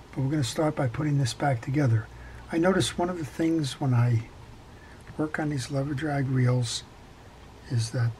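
Calm man explaining a workbench repair. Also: medium pitch, a little hiss or hum, low-quality recording. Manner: calm, practical, talks while working, frequent fillers. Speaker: fishing reel repair instructor. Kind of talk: step-by-step repair tutorial. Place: workshop bench.

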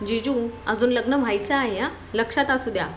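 A woman's voice: fairly high pitch, brisk, a bit bright, slight background noise, lightly acted. Woman reading a sassy little sister, cheeky, storybook voice. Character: cheeky young woman, quick-tongued sister.

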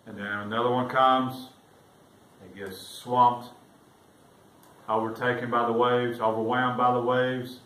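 Recorded at a distance, this pastor's sermon comes in a flat, unhurried voice broken by frequent pauses. Reading scripture aloud, he grows louder and higher. The church is echoey, so the audio is roomy and off-mic, with faint background noise from the room.

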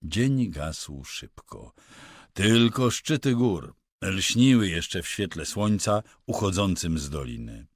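Male audiobook narrator, calm measured reading, lowish voice, very slow, dry close studio sound. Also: dry recording. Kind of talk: scripted narration.

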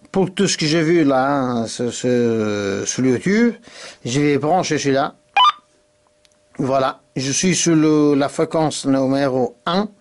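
A man's voice: mid-range voice, darkish tone. A man hosting an amateur demonstration video in a hesitant, informal way, recorded in a workshop on a camera mic. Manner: hesitant, informal, tag words. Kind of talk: casual hands-on demonstration. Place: cluttered indoor workshop.

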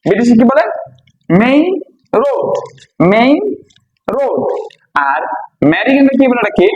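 Male teacher from Bangladesh, higher register, patient drilling style, asks and answers his own questions. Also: animated, measured pace, narrow, tinny audio, slight background noise. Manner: repeats each word and quizzes listeners with questions. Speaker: English teacher. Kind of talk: classroom-style vocabulary lesson.

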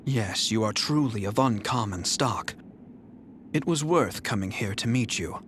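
In clean studio game recordings, the actor voices a young male general with cool arrogance, measured and composed. His pitch is fairly low, and a little hiss or hum sits under the lines.

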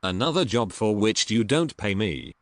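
A man's voice: lowish voice, expressive, moderate pace, close to an everyday voice. A synthetic-sounding male voice playing a sarcastic sidekick with a posh English accent who complains dryly. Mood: grumbling.

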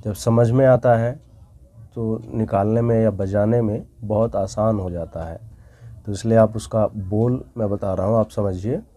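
Low-voiced man teaching tabla. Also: steady tone, measured pace, dark tone, dry recording. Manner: friendly, repeats "dosto", recites drum syllables. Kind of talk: online music lesson. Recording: tabla playing behind the voice.

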